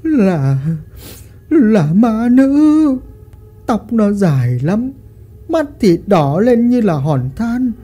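A frightened old fisherman stutters and wails through his words, as a woman storyteller puts him on. The voice is dark and slow, lurching up and down in pitch as fear takes him. It belongs to a spoken ghost tale. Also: big pitch swings. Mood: shaken, whining. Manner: stammering, panicky.

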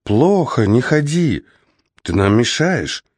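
A man voicing a tiny, stubborn female air elemental who squeaks and chirps short words in an audiobook. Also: very animated, slow pace, darkish tone, dry recording, clean studio sound.

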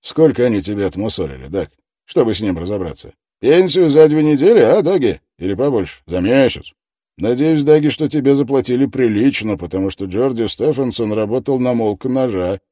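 A man's voice: mid-range voice, expressive, fairly quick, dark tone, no echo, studio quality, voice pushed up, lightly acted. A man voicing a sardonic male police detective who mocks and presses a suspect in blunt slang, raised above his narrating voice. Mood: menacing mockery.

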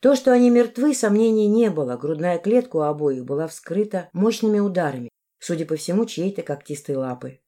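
A woman narrating a fantasy novel in the first person with expressive phrasing. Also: fairly low pitch, brisk. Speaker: audiobook narrator.

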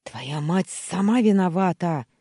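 A woman's voice: sits low, sing-song, measured pace, warm tone, no echo, clean studio sound, heavily acted. A woman voicing a scheming, hysterical middle-aged uncle who shrieks and splutters in a storybook reading. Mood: furious.

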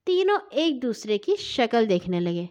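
A woman reads a children's story aloud in an expressive, sing-song way. Her voice is high for a woman and swings widely in pitch, which keeps the telling animated. The reading sounds like storytime for young listeners.

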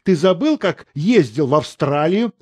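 Brief: man doing a haughty middle-aged woman publisher, cutting and scornful, lively high voice, dry close sound. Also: dry recording. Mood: furious. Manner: scornful, cutting, quick to anger. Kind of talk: audiobook character reading.

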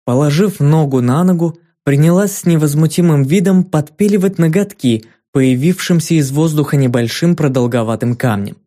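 A man narrating a children's fantasy audiobook in a measured, dramatic storytelling manner. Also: fairly high pitch, mellow. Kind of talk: scripted narration.

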